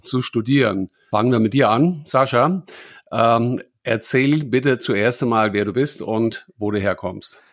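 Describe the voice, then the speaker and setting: A man's voice: medium pitch, dry recording, clean studio sound. A man hosting a podcast interview, asking loosely phrased, chatty questions. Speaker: podcast host. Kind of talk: conversational interview.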